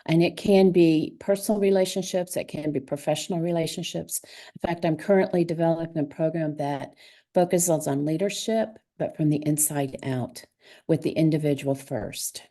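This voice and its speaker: Low, mellow-voiced woman coach. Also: normal speed. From United States. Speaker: relationship and leadership coach. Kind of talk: online group introductions. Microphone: video call.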